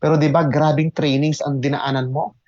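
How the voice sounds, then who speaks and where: A man who mentors in network marketing tells his own story to an online audience, excitable and emphatic, often repeating words and switching between Tagalog and English. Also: fairly high pitch, normal speed, lo-fi sound. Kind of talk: motivational testimony to an online audience.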